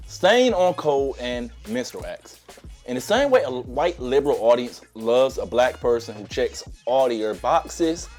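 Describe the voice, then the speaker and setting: Losing his voice to a cold, a sarcastic man hosts his own commentary video, ranting at viewers in an opinionated essay style. His mid-range voice is animated, a little slow, and slightly mellow, with faint music behind him.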